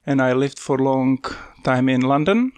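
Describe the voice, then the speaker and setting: A man's voice: mid-range voice, moderate pace, a little mellow, no echo. Czech-accented man, dry close voice. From Czech Republic. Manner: earnest, plain-spoken, small slips in English. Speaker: podcast guest. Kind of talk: casual interview, telling his life story.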